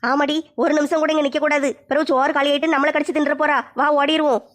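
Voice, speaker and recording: A woman's voice: sits high, flat delivery, quick pace, voice pushed down, natural voice. A woman doing a jittery old village granny. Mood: alarmed. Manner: gossipy, alarmed scolding. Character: fearful old village grandmother. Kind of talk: comedy skit voice acting.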